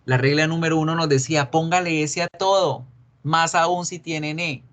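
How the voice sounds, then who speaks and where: A man teaching an English grammar lesson, explaining slowly and repeating each example. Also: on the high side, steady tone, fairly bright tone. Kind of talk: recorded online grammar lesson.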